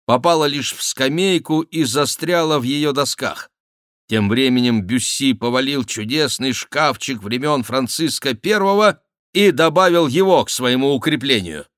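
A man narrating an adventure novel as an audiobook, steady and measured. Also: mid-range voice, no echo, clean studio sound.

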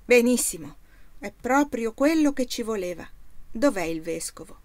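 A woman's voice: fairly high pitch, lively intonation, normal speed, a little mellow, dry recording, natural voice. A woman voicing an earnest young male farmhand in an audiobook reading, heartfelt and musing. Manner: musing, heartfelt inner monologue.

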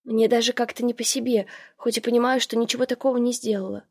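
A woman narrating a first-person novel in a lively, expressive way. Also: on the high side, fast, slightly rough, no echo, studio quality. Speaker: audiobook narrator.

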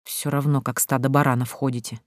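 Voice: medium pitch, brisk, a little mellow, no room sound, studio quality, lightly acted. A reader voicing a young man who leads a lost group, curt and snapping with the others.

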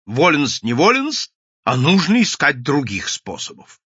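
An excitable, blunt townsman in a storybook reading exclaims in a raised, lively voice. A man puts him on with a husky, bright sound. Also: fairly high pitch, measured pace, no echo, lo-fi sound, pitched above the performer's own voice, exaggerated voice. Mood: resolute. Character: agitated middle-aged man, blunt and decisive.

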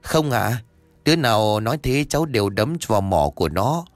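A man voicing a cheeky, flattering young male ghost who talks politely and pleadingly to an elder. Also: on the low side, moderate pace, no room sound, soft background music. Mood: fawning.

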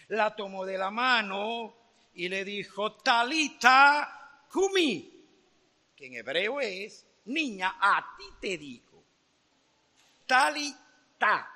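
A man delivers a dramatic sermon in a high, bright voice. He acts out quotes and swings from loud outbursts to hushed asides. His voice rings with a long reverb, as in a church hall. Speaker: pastor.

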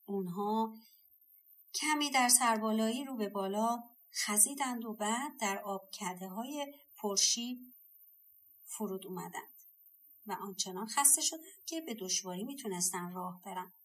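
A woman narrating a folk tale audiobook in a measured, gentle way. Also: mid-range voice. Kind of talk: storybook narration.

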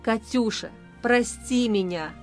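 A remorseful young husband, read by a woman pleads with feeling in a voice pitched somewhat high. Soft music plays faintly beneath the audiobook reading. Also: slow pace. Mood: pleading. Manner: pleading, emotional.

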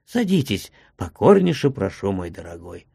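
A man playing a soft, pleading old postmaster. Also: mid-range voice, big pitch swings, measured pace, vocal fry, husky, no room sound, studio quality, full character voice. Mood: tender pleading. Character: tender, tearful older male postmaster.

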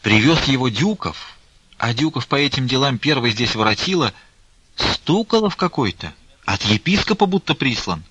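A man's voice: medium pitch, sing-song, normal speed, a bit bright, slight background noise, pitched above the performer's own voice. A man voicing a humble, anxious old nun who speaks meekly and laments, on a dull lo-fi recording. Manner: meek, fussy and lamenting.

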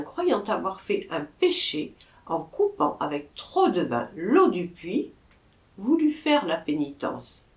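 A woman reading a folk tale aloud with animated storybook narration and dramatic pauses. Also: fairly high pitch, echoey room. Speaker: audiobook reader.

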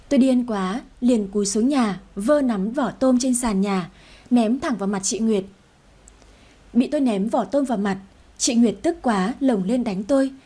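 A woman reads a first-person story aloud in a steady, even tone. Her voice is husky and mellow, sitting slightly high.

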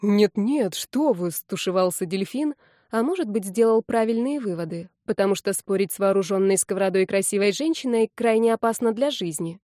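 A woman narrates a first-person fantasy story in a lively, wry way. Her tone is mellow and dark, recorded dry and close with no room sound. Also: medium pitch, fairly quick, no echo.

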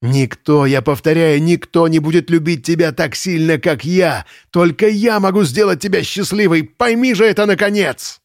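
A man voicing a desperate, unstable male camp commandant who pleads and shouts hysterically. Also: mid-range voice, normal speed, dry recording, clean studio sound, close to an everyday voice. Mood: frantic.

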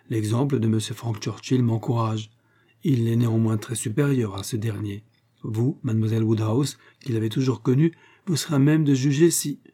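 A man's voice: medium pitch, dark tone, slightly rough, close to an everyday voice. A man voicing a shy, hopeful young woman confiding her love in a read-aloud novel, speaking eagerly.

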